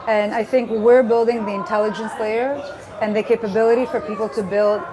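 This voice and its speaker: A woman's voice: fairly high pitch, flat delivery, a little fast. A woman from Greece in her thirties, a guest speaker in a live interview, talking in an earnest, upbeat way with some restarts. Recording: live event with a crowd behind.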